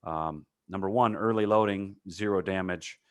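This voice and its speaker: A man with a Minnesota accent answering technical questions in a webinar, halting with many fillers and self-corrections. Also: deep voice, dry recording, studio quality. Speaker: concrete paving presenter.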